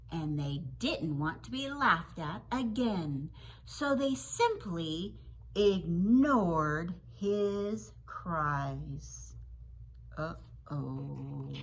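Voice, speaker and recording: A woman teacher reading a children's story aloud in an animated, sing-song storytelling manner. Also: on the low side, slightly rough, low-quality recording.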